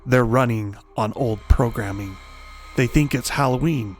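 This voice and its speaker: A man voicing a grim adult male scavenger who talks in a low, clipped, muttered way. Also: unhurried, faint music behind, natural voice.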